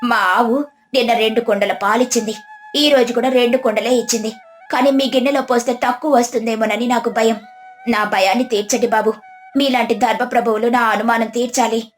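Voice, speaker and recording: A woman's voice: fairly high pitch, fairly even intonation, fairly quick, faint music behind, lightly acted. A woman voicing a clever young farmer's wife who speaks politely but firmly. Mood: pleading. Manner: polite but firm, turning stern.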